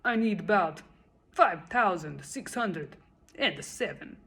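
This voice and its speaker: A woman's voice: on the low side, animated, slow, fairly bright tone, breathy edge, heavily acted. A woman voicing a pompous, tyrannical male turtle king in a storybook read-aloud, bellowing and boasting imperiously. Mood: indignant, defiant. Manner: bellowing, imperious, self-admiring.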